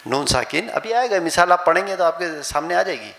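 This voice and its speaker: A man's voice: high-pitched, animated, creaky, fairly bright tone. An older man teaching a classroom tajweed lesson, patiently drilling letter sounds. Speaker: Quran recitation teacher. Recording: echoey classroom with background noise.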